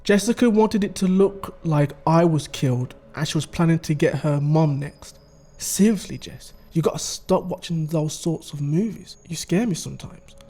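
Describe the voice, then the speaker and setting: Warm in tone and pitched on the high side, this man speaks at normal speed. He portrays a scheming middle-aged father in a dramatic audio story, conversationally relating his wife's crimes in grave, confiding dialogue.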